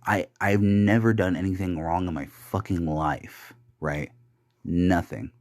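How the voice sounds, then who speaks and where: Deep and darkish, this young man's voice holds a steady tone as he delivers a bitter, rambling confessional monologue for his podcast. There's no room sound; he curses often and halts repeatedly, full of fillers and restarts.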